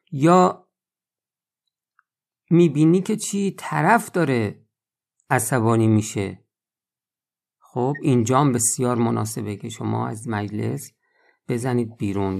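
Gravelly-voiced man giving a moral talk. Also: mid-range voice, a little mellow. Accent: Iranian Persian. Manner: conversational teaching, asks rhetorical questions. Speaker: religious podcast speaker. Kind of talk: spoken moral lesson.

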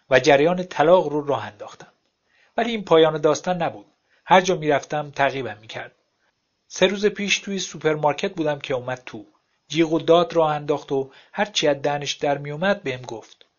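A man narrating a story aloud in a wry, plain storytelling manner. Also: a little high. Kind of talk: audiobook narration. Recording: dull lo-fi recording.

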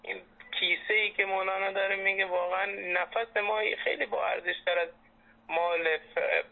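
A man's voice: high-pitched, fairly even intonation, creaky. A man in his late twenties speaking earnestly and reflectively in a phone conversation, heard over a muffled landline. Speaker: interviewee, former patient. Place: telephone call.

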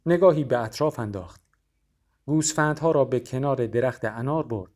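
A man reading a novel aloud as audiobook narrator, in a steady, measured storytelling manner. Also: medium pitch.

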